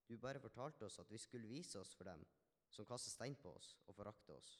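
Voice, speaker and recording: A man's voice: lowish voice, expressive, lightly acted. A man playing a healed Samaritan leper man, telling his story in an earnest, reflective first-person monologue with small restarts. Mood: somber. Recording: long hall reverb.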